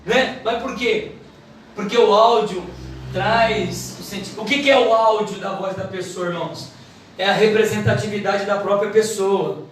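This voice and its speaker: A woman giving a church Bible lesson, quick and emphatic in her delivery. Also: mid-range voice, steady tone, slight background noise. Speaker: Bible teacher. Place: church hall. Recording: echoey hall, mic from far off.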